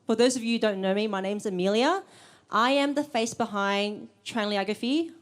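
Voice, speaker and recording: An Australian young woman hosts a live event, giving a welcome speech in a room with an audience. She's chatty and a bit nervous with lots of ums, speaking at normal speed in a voice on the high side.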